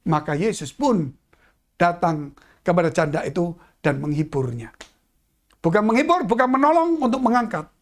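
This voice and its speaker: A man preaching a sermon in a dramatic, swinging style, dropping to hushed tones and rising again as he addresses the congregation. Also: high voice, sing-song, moderate pace, pauses often. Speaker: pastor. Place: church.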